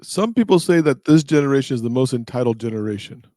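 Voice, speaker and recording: A man's voice: medium pitch, animated, fast, dark tone, no room sound, clean studio sound. A man hosting a casual podcast over a video call, teasing his co-host with playful questions.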